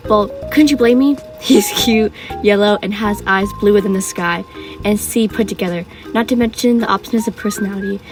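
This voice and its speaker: A woman casually reading fan fiction aloud in a soft voice. She breaks off for joking asides and stumbles over words now and then. Music plays steadily behind her. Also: medium pitch, fairly even intonation, moderate pace.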